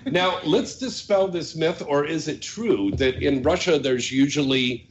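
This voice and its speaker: A man's voice: on the high side, measured pace, muffled recording, slight background noise. A man hosting a casual radio chat show in a jokey, bantering way. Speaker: talk show host.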